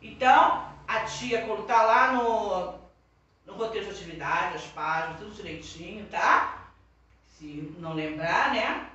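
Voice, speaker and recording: Brazilian teacher lady, high bright voice, slow spelled-out words, echoey room, mic kinda far. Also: lo-fi sound. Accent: Brazilian Portuguese. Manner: slow, drawn-out word-by-word dictation. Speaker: primary school teacher. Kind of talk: online class for young children.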